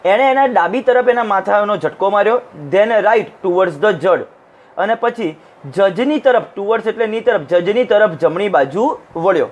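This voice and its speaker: A man's voice: high voice, measured pace, highs cut off. A man teaching a class, explaining an English lesson line by line, translating each phrase and briefly acting out the lines. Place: recorded for an online class.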